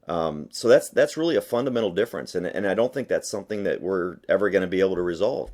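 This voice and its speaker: This gun rights advocate, interviewed as a guest by phone, has a low, slightly mellow voice. He answers combatively, with emphasis and insistence.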